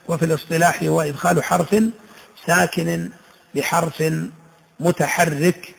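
A man teaching Quran recitation rules, explaining slowly and reciting each example word in a drawn-out way. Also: high-pitched, vocal fry, breathy edge, low-quality recording.

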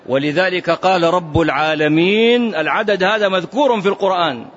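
A man teaching a religious class, quizzing his students with animated, mocking asides. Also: high voice, a little fast, dull audio. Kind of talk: classroom lesson.

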